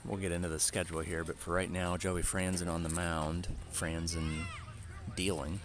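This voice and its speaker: Low-voiced guy calling a kids ball game, dry jokes, outdoors. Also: little pitch movement, normal speed. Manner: dry, joking asides between play calls. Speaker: play-by-play announcer. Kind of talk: casual youth baseball commentary.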